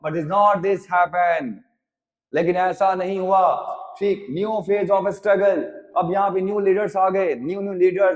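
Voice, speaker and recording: High-voiced teacher in an echoey room. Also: male voice. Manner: mixes Hindi and English, calls students 'beta', keeps checking "haan ya na?". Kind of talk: classroom history lesson. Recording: long reverb, echoey room.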